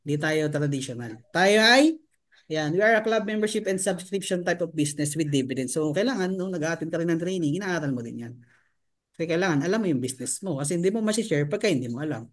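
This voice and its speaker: A man with a high voice leads a sales training seminar. He keeps turning to his listeners with rhetorical questions and drops English terms into his talk as he explains. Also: animated, fast. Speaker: network marketing trainer.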